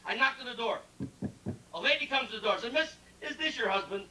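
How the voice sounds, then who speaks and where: A man doing a stand-up comedy routine in a ship's cabaret lounge, telling jokes in a brash, rapid-fire way and teasing the audience. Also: very high-pitched, animated, bright, forceful tone, a little hiss or hum. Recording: echoey lounge recording from far off with band music.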